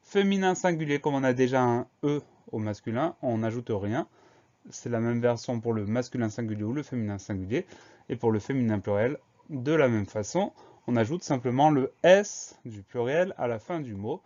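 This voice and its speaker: A man's voice: medium pitch, normal speed, darkish tone. A man teaching a spelling lesson for schoolchildren, patiently spelling each word out letter by letter and repeating it. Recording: dull lo-fi recording.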